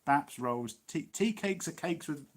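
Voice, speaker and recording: An East Midlands English man with a slightly husky voice talks through viewer questions in a loose, chatty way. His sentences wander and restart, and he laughs easily as he goes. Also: on the high side, expressive, unhurried. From Nottinghamshire, England. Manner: rambling, chatty, laughs often. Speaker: livestream host. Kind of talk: casual live Q&A chat.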